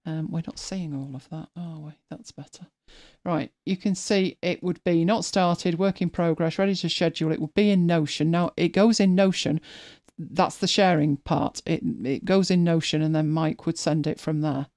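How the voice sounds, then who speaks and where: A woman's voice: sits low, steady tone, normal speed, hardly any pauses, a little mellow, no room sound, clean studio sound. A woman hosting a live stream, chatting casually as she walks viewers through her screen, thinking aloud and often restarting her sentences. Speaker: host.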